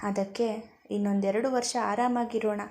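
A woman's voice: mid-range voice, steady tone, normal speed, a little mellow, close to an everyday voice. A woman reading as a teasing young husband. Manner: teasing, coaxing.

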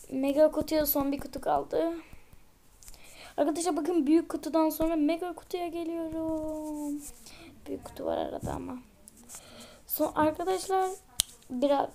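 A young woman commenting casually on her gameplay, excitable and often shouting at her teammates. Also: sits high. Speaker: gaming channel host.

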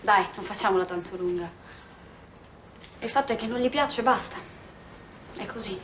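A woman's voice: mid-range voice, normal speed, a bit bright, a little hiss or hum, lightly acted. An actress playing an earnest young woman who talks in an insistent way. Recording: chattering crowd behind.

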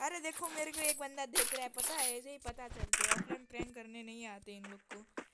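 A woman streamer giving excitable live gameplay commentary, swearing and shouting orders at her teammates. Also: a little high, a little fast. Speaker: gaming streamer. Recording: heavy background noise.

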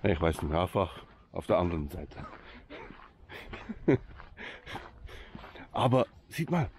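A Swiss vlogger whose first language is Swiss German speaks in a low, very animated voice, taking his time, with a Swiss accent. Outdoors by a lake, with background noise, he chats and jokes with his viewers in casual vlog commentary.

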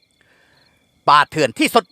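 A man's voice: very fast, sharp tone, no room sound, lightly acted. A man voicing a furious young woman held captive, protesting in anger. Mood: angry. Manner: angry, protesting.

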